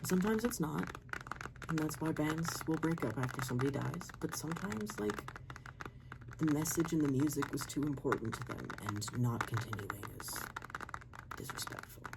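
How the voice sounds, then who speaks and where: Casting: soft ASMR talker of unclear gender, creaky, swinging pitch, slipping into whispers, casual and sweary, over loud noise and clicks. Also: animated, moderate pace. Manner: casual, rambling, swears freely. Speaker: ASMR video creator. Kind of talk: soft-spoken ASMR show-and-tell, often dropping into whisper. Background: tapping, scratching and clicks.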